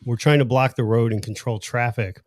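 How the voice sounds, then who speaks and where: A man chats on a casual livestream, telling a story with quick jokes and laughs. His voice sits at a middling pitch. The sound is dry and close, with no room around it. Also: fairly even intonation, dry recording. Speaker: livestream host.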